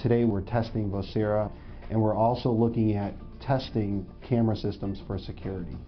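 A man in his forties calmly explaining a stadium network in a corporate testimonial interview, filmed in a studio. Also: fairly low pitch, normal speed. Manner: plain, matter-of-fact explaining. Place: indoor studio before a logo backdrop. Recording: slightly dull audio with faint music.

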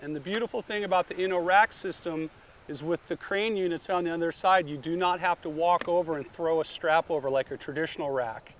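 A man's voice: on the high side, a little fast, a bit bright, slight background noise. A middle-aged man explaining a roof rack product step by step, recorded outdoors at a beach beside a car on a camera mic. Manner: plain step-by-step instructions. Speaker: product demonstrator. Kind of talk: product demonstration.

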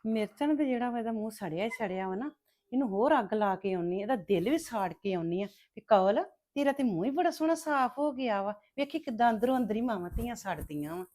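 A woman's voice: on the high side, lively intonation, brisk, darkish tone, close to an everyday voice. An actress playing a spiteful, scheming woman who gloats over a mother and daughter, speaking. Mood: gloating. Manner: gloating, taunting. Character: spiteful scheming woman relishing a family's misery. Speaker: scheming relative. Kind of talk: web drama acting.

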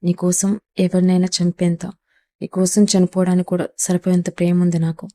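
A woman's voice: on the low side, little pitch movement, brisk, warm tone, lightly acted. A wounded, devoted mafia don, as a woman reads him. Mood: tender. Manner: tender, devoted pleading. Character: wounded, obsessive young male mafia don.

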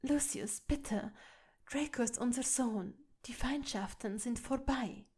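A woman voicing a gentle, earnest noblewoman and mother in a fan fiction audiobook, pleading softly. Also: on the high side, slow pace, husky, pitched above the performer's own voice.

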